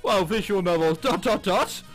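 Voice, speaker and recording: With game music in the background, a high-pitched man speaks at a moderate pace. He is a let's player trading between reading the game's text aloud and making sarcastic, jokey asides.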